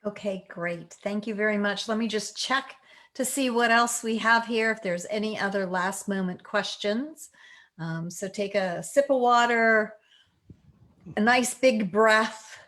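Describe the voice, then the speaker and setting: A woman's voice: medium pitch, unhurried, fairly bright tone. A woman moderates a candidate forum over a video call. She keeps things friendly and informal as she thanks the speakers.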